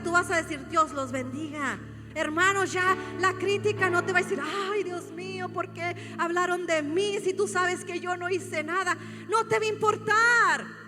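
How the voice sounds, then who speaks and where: Woman pastor, very high voice, fervent preaching style, reverberant sanctuary. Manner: fervent preaching, rising to shouts and calling out to the congregation. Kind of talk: sermon. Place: church sanctuary. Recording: long hall reverb with faint music.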